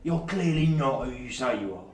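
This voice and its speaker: Man doing a gruff hobgoblin guard. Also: medium pitch, animated, moderate pace, darkish tone, lightly acted. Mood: dismissive. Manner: gruff, dismissive. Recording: roomy, distant mic, faint music.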